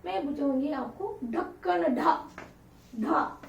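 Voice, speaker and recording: A woman's voice: high voice, animated, slow pace, vocal fry, a little hiss or hum. A woman teacher giving a patient alphabet lesson, repeating each letter with example words as she dictates. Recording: roomy, distant, dull lo-fi sound.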